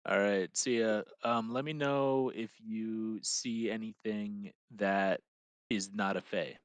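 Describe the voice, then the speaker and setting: A man's voice: on the low side, fairly even intonation, takes it slowly, clear, resonant tone, no echo, lo-fi sound. A man playing a tabletop role-playing game, describing actions and talking in character in a laid-back, hesitant way.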